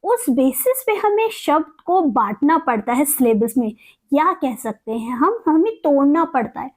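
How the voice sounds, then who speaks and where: A woman teaching an exam-prep English lesson, explaining step by step, asking questions and answering them herself, and stretching the example words out slowly. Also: sits high, very animated.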